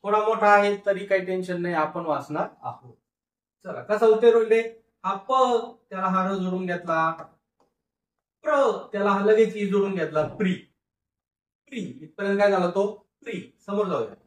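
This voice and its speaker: Phonics teacher, male, stretches syllables and repeats words; roomy, slightly distant sound. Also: sits high. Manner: slow, drawn-out syllable-by-syllable sounding out, repeats each word. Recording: echoey room, voice a bit far from mic.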